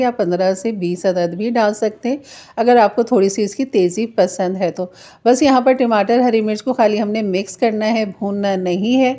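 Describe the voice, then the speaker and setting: A woman's voice: a little high, mellow. A woman narrating a cooking tutorial, patiently explaining the reason behind each step. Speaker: home cook, channel host.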